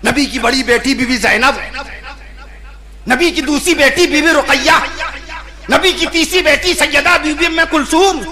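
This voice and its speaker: A man preaching at a religious gathering. He builds long, repeated lists that swell into shouts, then stops to spell out the correct pronunciation of names. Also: very high-pitched, a little slow. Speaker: Islamic preacher. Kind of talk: impassioned sermon at a religious gathering.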